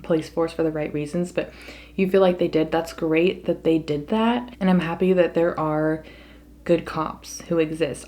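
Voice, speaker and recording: A woman's voice: on the low side, dark tone. An American woman talking casually to her viewers in an opinion monologue, earnest and emphatic. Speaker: mukbang vlogger.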